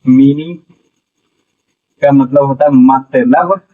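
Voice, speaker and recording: A man teaching a classroom phonics lesson, sounding out syllables slowly and asking students to repeat. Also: mid-range voice, fairly even intonation. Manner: slow, spells out syllables, repeats questions to students. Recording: dull lo-fi sound from a distant mic.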